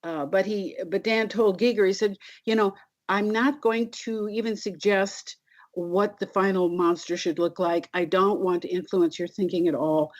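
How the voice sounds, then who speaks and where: A woman being interviewed, telling anecdotes casually in a halting way. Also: medium pitch, fairly even intonation, a little mellow. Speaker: interview guest. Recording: dull, lo-fi sound.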